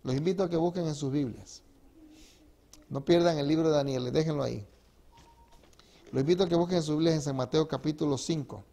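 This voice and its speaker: A pastor preaches in a fairly high voice to his congregation. He swings between emphatic, rising phrases and quieter drops, and he keeps asking the room rhetorical questions. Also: a little fast, pauses often. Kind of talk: sermon. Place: church sanctuary.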